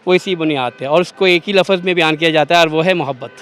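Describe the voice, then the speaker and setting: A fairly high, smooth and resonant voice on a man in his forties from Pakistan. He speaks formally and slips into recited verse, pausing on hesitant fillers. He answers a street interviewer's questions outdoors. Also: fairly bright tone, faint music behind. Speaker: interviewee, father.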